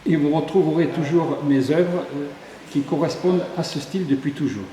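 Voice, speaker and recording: Here the sculptor from southern Ardèche speaks at a normal speed in a dark, slightly high male voice, with a little hiss or hum. Interviewed in the echoey tourist office exhibition hall, he explains his artworks, listing details hesitantly.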